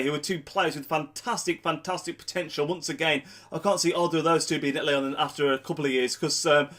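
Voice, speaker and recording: Congested with a cold, a young man with a fairly high, somewhat bright voice previews a football match in his chatty fan vlog. He repeats words for emphasis as he talks.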